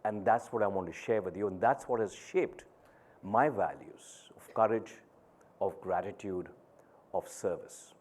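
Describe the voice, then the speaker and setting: A middle-aged man giving a keynote speech on stage, telling a personal story in an earnest, deliberate way with pauses between phrases. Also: lowish voice, a little mellow. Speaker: keynote speaker. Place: conference stage before an audience.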